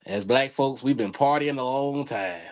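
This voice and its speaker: A man's voice: medium pitch, normal speed. Joking Southern man on a podcast. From Florida. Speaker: comedian guest. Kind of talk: casual podcast chat.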